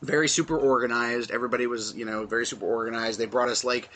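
A man with a bright, forceful voice, chatting casually on a podcast. He rambles through his story with lots of fillers and laughs as he goes. His pitch sits in the middle of the male range. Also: fairly even intonation, fast talker, a little hiss or hum. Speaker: podcast co-host.

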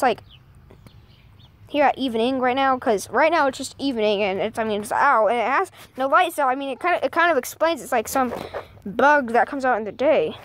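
A young woman rambling and hesitating as she films outdoors on a handheld phone. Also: high voice. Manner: rambling, hesitant, full of "like" and "I mean". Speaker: nature vlogger. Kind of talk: casual outdoor vlog. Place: outdoors in a backyard. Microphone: handheld phone camera. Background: birds chirping faintly.

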